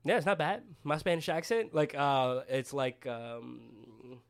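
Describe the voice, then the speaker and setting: A young man co-hosting a casual podcast chat, joking loudly and laughing often. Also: mid-range voice, fairly even intonation, unhurried, creaky. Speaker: podcast co-host.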